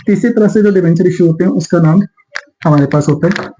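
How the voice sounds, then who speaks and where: Male accounts tutor, fairly high, warm tone, Indian accent, step-by-step lecture. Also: rough recording. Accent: Indian English terms mixed into Hindi. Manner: explains step by step, slows to dictate entries. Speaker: accountancy teacher. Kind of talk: classroom lecture.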